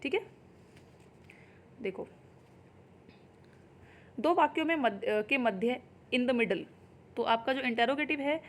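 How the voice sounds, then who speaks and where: A woman teacher, explaining grammar in Hindi and reading example sentences slowly and carefully. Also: fairly high pitch, animated. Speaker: English teacher. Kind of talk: exam-prep grammar lesson.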